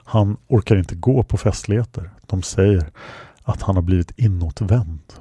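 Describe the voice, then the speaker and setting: A man voicing a young servant woman in whispered role-play, hushed and confiding. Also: low voice, slightly rough, no room sound.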